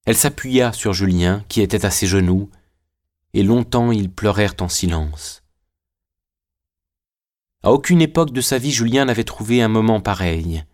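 A man narrating a classic novel as an audiobook, reading in a measured, expressive way. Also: fairly low pitch. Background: faint music.

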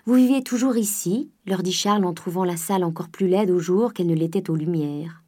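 A woman narrating a classic novel as a scripted audiobook, measured and at times dropping to a soft near-whisper. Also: on the low side, steady tone.

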